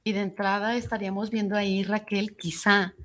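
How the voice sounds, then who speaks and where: A woman's voice: medium pitch, flat delivery, fairly quick, a bit bright. A woman hosting a radio talk show, asking her guest questions in a conversational way. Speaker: radio host.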